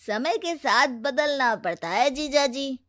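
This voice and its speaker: A woman's voice: sits high, animated, takes it slowly, fairly bright tone, voice pushed up, full character voice. A woman voicing a cocky twenty-year-old young man hooked on his phone, breezy and dismissive. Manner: breezy and dismissive, whiny when upset.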